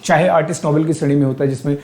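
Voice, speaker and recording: Man, Indian accent, teacher, exam-prep lecture, fairly high voice, asks questions aloud, echoey room. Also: fairly even intonation, rapid-fire, a little mellow. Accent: Indian English. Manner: explains step by step, asks questions aloud, mixes in English terms.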